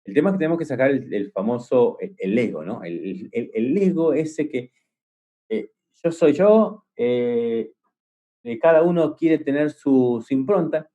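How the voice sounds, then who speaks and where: A man's voice: medium pitch, animated, moderate pace, hardly any pauses, mellow. A man giving a technical cybersecurity conference talk, enthusiastic and rambling, with frequent restarts and fillers and homely examples. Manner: enthusiastic, explains with vivid everyday examples.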